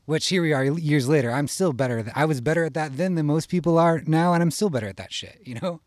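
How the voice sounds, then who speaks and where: A man's voice: a little high, fast talker, a little mellow, no echo, studio quality. A man from Iowa telling a casual personal story, rambling and profane, tagging his lines with "you know?". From Iowa, USA.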